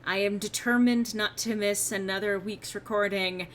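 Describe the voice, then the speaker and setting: A woman's voice: mid-range voice, fairly even intonation, normal speed, fairly bright tone, slight background noise. A woman hosting a casual gameplay stream, rambling and self-mocking, sounding a little under the weather and subdued. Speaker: streamer host.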